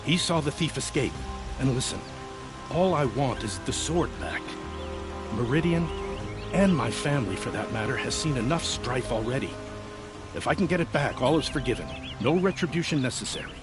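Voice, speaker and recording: A man's voice: mid-range voice, expressive, normal speed, music in the background, close to an everyday voice. An actor playing an aggrieved nobleman in a video game, speaking in an earnest, proud and formal manner. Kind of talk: video game dialogue acting.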